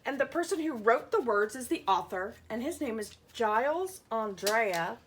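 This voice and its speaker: A schoolteacher reads a picture book aloud to her pupils, explaining things simply and asking the young children questions. Her voice is on the high side and animated, at a normal speed, with slight background noise.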